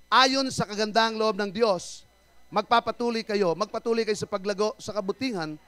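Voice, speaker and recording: A male pastor preaching a church sermon, firing rhetorical questions at the congregation and swinging between loud calls and quiet asides. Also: high voice, no echo. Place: church service.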